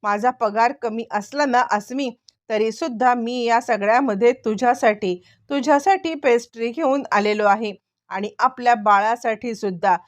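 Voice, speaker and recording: Sly young husband, boastful and high-voiced; a woman reads him out. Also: dull audio, close to an everyday voice. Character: young scheming husband, man.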